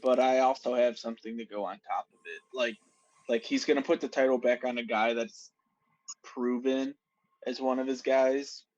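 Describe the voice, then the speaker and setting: A man's voice: mid-range voice, steady tone, normal speed, a little mellow, dry recording. Man, podcast co-host, casual chat, dry wisecracks, dead dry lo-fi recording. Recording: dry dull lo-fi mic.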